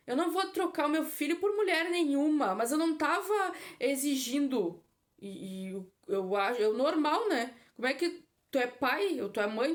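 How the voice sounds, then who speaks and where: A woman giving a blunt, casual opinion monologue as a vlogger, often adding filler tags. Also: sits high.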